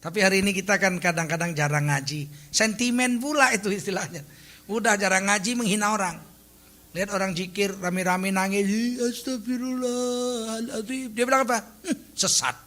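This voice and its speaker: A man preaching a sermon in an animated, humorous way, now and then acting out short quoted voices. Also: sits high, fairly quick. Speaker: Islamic preacher.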